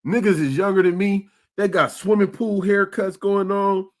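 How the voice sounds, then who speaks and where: This man, in his forties and from Stockton, California, co-hosts a casual podcast where he shares street stories in a streetwise way, repeats himself, and reads live chat comments out loud. He has a high voice with a steady tone, speaking at normal speed.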